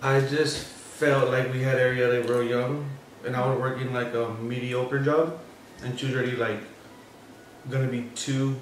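A young man with a mid-range voice talks in a laid-back, halting way, often stopping to restart. He sits away from the camera mic in a very echoey room, with faint noise in the background. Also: mid-range voice, level tone, recorded from a distance. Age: young adult. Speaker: co-host and barber. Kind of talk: casual chat over a meal. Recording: roomy echo from off-mic.

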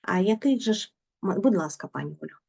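A woman's voice: medium pitch, lively intonation, a little fast, creaky, mellow, slightly rough. A woman teaching a poetry lesson, prompting her students with questions and coaxing them to answer. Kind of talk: literature lesson.

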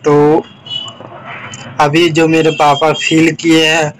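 A man's voice: on the high side, monotone, slow, slight background noise, low-quality recording. A young man chatting casually to his vlog camera in a wistful, reflective way. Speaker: vlogger.

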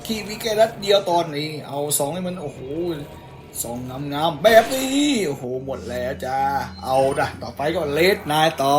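A man's voice: a little high, expressive, normal speed, noisy background. A young man casually commentating a game he is playing, teasing the enemies in a playful way. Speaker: gaming YouTuber. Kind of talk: casual let's-play commentary.

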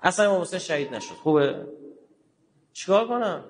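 A man giving a religious lecture in a colloquial way, telling stories and acting out the dialogue, with sudden low, quiet asides. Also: animated, a little hiss or hum. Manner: colloquial, acts out dialogue in quotes.

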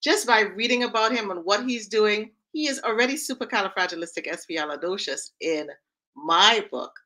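Over a video call from a room at home, a middle-aged talk show host and mental fitness coach of Trinidad and Tobago heritage runs a warm, upbeat interview. She has a slight Trinidadian accent and a medium-pitched, animated, sharp voice at normal speed. She sounds enthusiastic and encouraging, though the recording is rough.

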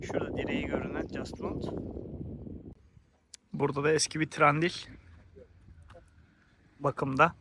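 High-pitched man hosting a casual travel vlog. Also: level tone, measured pace, long pauses, background noise. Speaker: vlog host. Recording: loud music behind the voice. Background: music.

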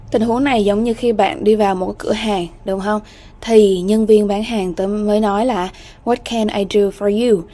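A woman teaching an English exam-prep lesson, slowly repeating English words and often checking in with students. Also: medium pitch, mellow.

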